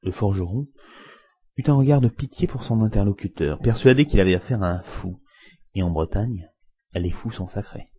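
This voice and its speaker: A man narrating a story aloud in a measured, expressive reading. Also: on the low side, breathy edge. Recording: muffled lo-fi recording.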